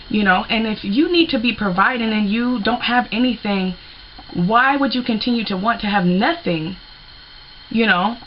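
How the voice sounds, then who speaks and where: A young woman speaks straight to her camera in a loose, opinionated rant, blunt and animated with plenty of colloquial asides. Her voice sits at an ordinary middle pitch. The sound is slightly dull, with a faint hum of the room behind her. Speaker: vlogger.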